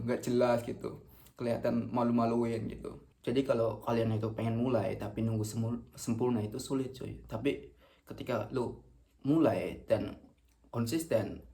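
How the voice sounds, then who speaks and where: A man in his late teens with an Indonesian accent chats casually to camera while eating, rambling and halting, sometimes with his mouth full. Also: mid-range voice, darkish tone. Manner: rambling, halting, slangy, self-correcting; talking between bites, sometimes with mouth full. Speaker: vlogger.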